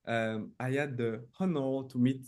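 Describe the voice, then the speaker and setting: French guy hosting a live stream interview, eager and chatty, mid-pitched voice. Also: fairly even intonation, unhurried, darkish tone. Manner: enthusiastic, loose second-language English. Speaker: host.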